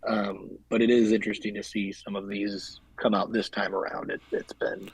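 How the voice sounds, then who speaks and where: A man's voice: lowish voice, level tone, normal speed, creaky, a little hiss or hum, low-quality recording. A man co-hosting a casual podcast, talking politics in a thoughtful, filler-heavy way. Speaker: podcast co-host.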